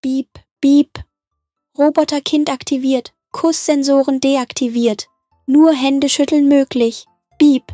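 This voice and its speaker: Woman as a playful eight-year-old in robot mode: high, beeping, announcement-style lines, dry studio sound. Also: steady tone, takes it slowly, mellow, dry recording, soft background music. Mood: robotic, playful. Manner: stiff robot announcements punctuated by beeps. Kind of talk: scripted family comedy.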